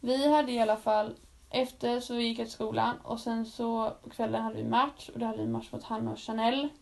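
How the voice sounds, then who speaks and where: A teenage girl co-hosting a relaxed chat, her voice sitting fairly high. She tells her stories in a lively way and turns mock-indignant when she gets cut off. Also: creaky. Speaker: podcast co-host. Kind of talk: casual chat.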